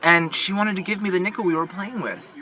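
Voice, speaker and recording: A man's voice: high-pitched, steady tone, brisk, sharp tone, rough recording. A young man talking to camera in a casual vlog, sincere and emotional, rambling with many restarts. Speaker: vlogger who works as a mall Santa.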